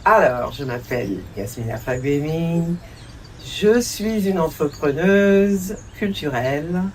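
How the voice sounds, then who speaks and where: With a low, slightly mellow voice, lively intonation and a slow pace, a woman in her forties raised in France answers interview questions. She is a cultural entrepreneur and producer, thoughtful and full of hesitations, dropping in a few English words, recorded on a distant mic with slight background noise.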